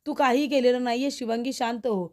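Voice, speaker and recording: A woman's voice: on the high side, fairly even intonation, fairly quick, darkish tone, close to an everyday voice. A woman voicing a determined young lawyer in a retold TV serial, earnest and soothing.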